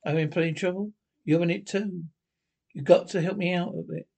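An actor voicing a stubborn, blustery middle-aged caveman husband in a cartoon, loud and gruff. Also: high-pitched, fairly even intonation, a little fast, exaggerated voice. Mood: boastful. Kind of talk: cartoon voice acting.

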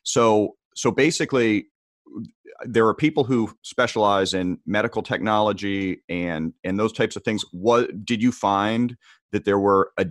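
A man with a low voice conducts a conversational interview. He phrases his questions haltingly, reworking them as he goes. The sound is dry, with very little room in it. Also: dry recording.

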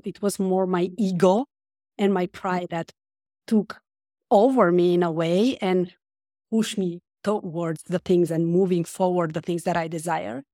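This Romanian-accented woman, a life coach appearing on a podcast, chats in a relaxed interview style, speaking earnestly and frequently hunting for the right word. Her pitch is fairly low and her tone darkish. The sound is dry and studio-clean.

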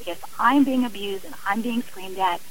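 A middle-aged woman, an author and abuse survivor, speaks earnestly and emphatically as a radio interview guest, sharing her personal story conversationally. Her voice sits in the mid range at a normal speed. The recording is rough, with slight background noise.

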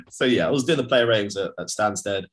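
A man co-hosting a podcast, chatting casually about football, rambling with lots of restarts and fillers. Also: medium pitch. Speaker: podcast co-host.

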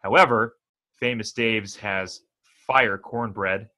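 A man's voice: fairly low pitch, steady tone, slow, pushed and bright. A man in a casual podcast chat, hesitant and stumbling over his words.

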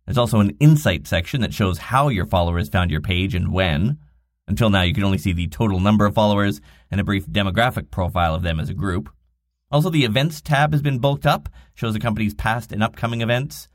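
A man's voice: fairly low pitch, no room sound. A man hosting a daily digital marketing news podcast, reading the stories with wry, dry asides. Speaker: podcast host.

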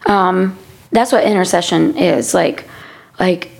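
A woman in a casual faith-centred conversation in a church prayer room, speaking in halting, circling sentences. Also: on the low side, creaky. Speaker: podcast conversation partner.

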